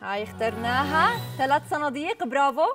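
A woman's voice: sits high, lively intonation, quick pace, fairly bright tone. A young Jordanian-accented woman hosting a live phone-in TV game show, announcing in an upbeat, congratulatory way. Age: young adult. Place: TV studio. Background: background music.

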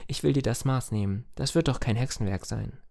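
A man voicing an earnest young village man in love, in a gentle, earnest delivery. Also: mid-range voice, brisk, creaky, close to an everyday voice. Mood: determined.

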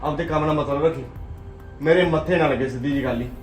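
A man's voice: on the high side, quick pace, close to an everyday voice. A man with a Punjabi accent playing a hot-tempered young husband who accuses his wife. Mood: heated. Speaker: angry husband and son. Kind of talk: family drama acting. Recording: roomy echo, faint music.

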